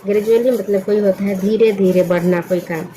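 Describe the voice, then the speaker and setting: Teaching English vocabulary, a woman speaks fairly quickly in a steady, dark, mid-range voice. Each word is spelled out letter by letter, and she patiently repeats it, asking "what happened?" and what it makes before saying it herself. The low-quality recording has slight background noise.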